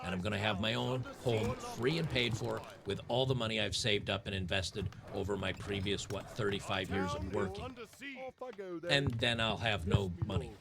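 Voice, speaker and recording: A man's voice: on the low side, normal speed, vocal fry, a crowd in the background. A man, ranting in a frustrated, sarcastic, rambling way. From Tennessee, USA. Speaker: commentator. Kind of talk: ranting commentary.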